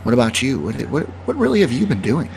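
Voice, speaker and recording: A man co-hosting a podcast, chatting in a relaxed, rambling way about his plans. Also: medium pitch, fast talker, creaky, a little hiss or hum. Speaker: podcast co-host. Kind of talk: casual podcast chat.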